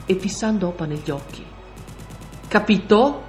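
A woman narrating an audiobook in a measured, steady storytelling voice. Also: on the low side. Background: faint music.

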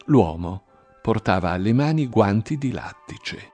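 A man reading crime fiction aloud in a measured, dramatic way. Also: lowish voice, expressive, a little mellow, faint music behind. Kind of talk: audiobook crime narration.

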